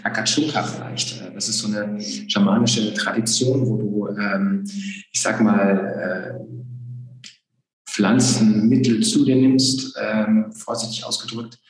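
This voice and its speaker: A man's voice: fairly low pitch, steady tone, takes it slowly. A young man telling his personal story in an interview, earnest and reflective, with many fillers. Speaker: guest. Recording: roomy echo.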